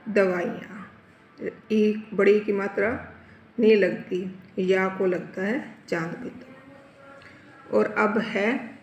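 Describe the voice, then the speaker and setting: A woman teacher talks slowly and patiently, repeating each word and asking the class questions. She sounds like she is in an echoey room. Faint noise hums underneath her voice. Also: medium pitch. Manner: slow, repeats words and asks questions to students. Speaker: primary school teacher. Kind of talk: recorded Hindi lesson for children.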